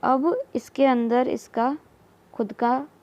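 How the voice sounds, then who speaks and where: Slow, mellow woman teaching. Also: sits high, steady tone, dull audio. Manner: slow, repeats terms, mixes English terms into Hindi, frequent "theek hai". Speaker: biology teacher. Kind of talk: explaining while drawing diagrams.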